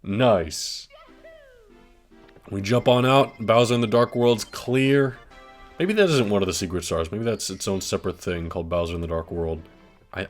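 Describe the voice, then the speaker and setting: A man with a low voice talks through a video game as a let's play host. His commentary is casual and conversational, wandering into asides, with game music playing clearly behind him.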